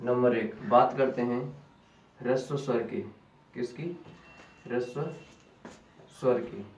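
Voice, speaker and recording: Slow echoey male grammar teacher. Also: mid-range voice, a little hiss or hum. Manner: repeats key terms as questions to students; slow and deliberate. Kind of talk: classroom grammar lesson. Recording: echoey room, voice from a distance.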